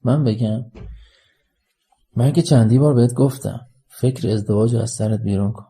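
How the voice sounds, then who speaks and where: A man's voice: medium pitch, vocal fry, mellow, husky. A man voicing a shy, proper young woman who scolds and pleads in a raised voice, read as part of an audiobook story. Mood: reproachful. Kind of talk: audiobook character reading.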